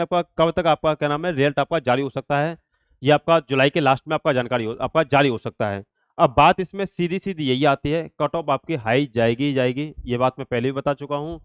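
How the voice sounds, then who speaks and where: Informally updating students on exams, this coach and channel host repeats himself and falls back on fillers and habitual tics. His voice is smooth and on the high side, with no echo and lo-fi sound.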